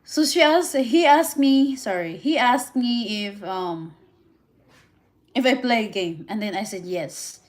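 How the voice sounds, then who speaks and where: Chatting casually with viewers on a live stream, a Filipino woman answers their comments in hesitant English full of restarts. She speaks Visayan and Tagalog natively, has a Filipino accent, and sounds a little high and animated.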